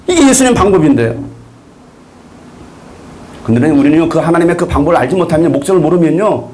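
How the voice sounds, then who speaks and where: A man's voice: on the high side, lively intonation, quick pace, darkish tone, a little hiss or hum. A man preaching a sermon to a congregation, asking them question after question. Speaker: pastor.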